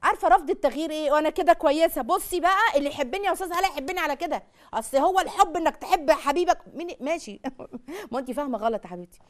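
A woman with an Egyptian accent giving a religious lesson on marriage, lively, acting out little dialogues and firing rhetorical questions at her listeners. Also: high voice, very fast. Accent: Egyptian Arabic. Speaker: lecturer on marriage and family.

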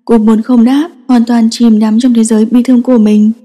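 A woman narrating a story in a steady, scripted storytelling style. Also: a little high, brisk, big-room sound, soft background music. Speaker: audiobook narrator.

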